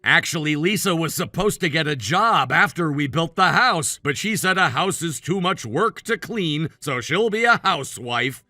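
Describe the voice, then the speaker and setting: Man acting a high, bright, put-upon brother. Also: normal speed, few pauses, no echo, clean studio sound, soft background music. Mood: weary complaint. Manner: earnest, complaining, animated. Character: put-upon brother, exasperated by his wife. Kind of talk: acted dialogue in a narrated family drama.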